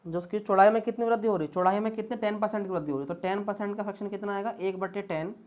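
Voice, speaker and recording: A woman teaching an exam-prep math lesson, asking rhetorical questions at every step as she works the problems through. she speaks at an ordinary pitch, patient and methodical. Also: fairly even intonation, rapid-fire, darkish tone. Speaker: math tutor.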